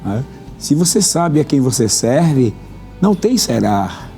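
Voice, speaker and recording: A man's voice: mid-range voice, big pitch swings, a little slow, creaky, dark tone, soft background music. A man hosting a religious talk program as pastor, preaching fervently and repeating phrases for emphasis.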